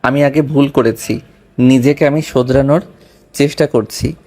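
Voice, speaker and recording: A man playing a calm, firm young husband and gentle father in an audio drama. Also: medium pitch, moderate pace, faint music behind, close to an everyday voice. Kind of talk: Bengali audio drama acting.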